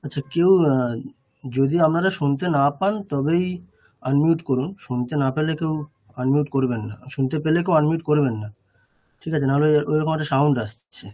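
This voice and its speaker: A man's voice: fairly high pitch, fairly quick, darkish tone. A man teaching an online class over a video call, explaining patiently and often stopping to check that his students follow.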